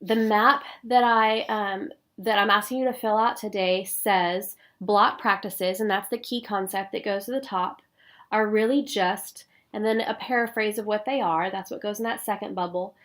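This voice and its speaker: An instructional coach with a stuffy nose from a cold gives a recorded professional development talk for teachers, explaining clearly and at a measured pace with frequent "um"s. Her voice is medium in pitch.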